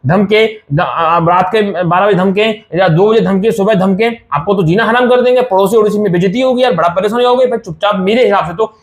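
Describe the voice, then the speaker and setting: Fast-talking man giving advice. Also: high voice. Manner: reassuring, repetitive, addresses viewers as brother. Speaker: loan advice YouTuber. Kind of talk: casual direct-to-camera advice.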